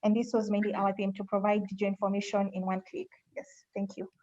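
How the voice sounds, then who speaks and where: A woman giving a webinar pitch presentation over a video call, often repeating phrases as she searches for words. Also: steady tone, brisk, mellow, dull audio.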